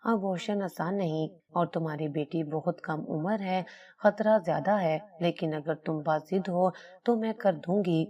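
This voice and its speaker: A woman's voice: on the low side, warm tone, highs cut off, close to an everyday voice. A woman reading the lines of a stern, blunt middle-aged woman doctor in a storybook tale. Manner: stern, strict.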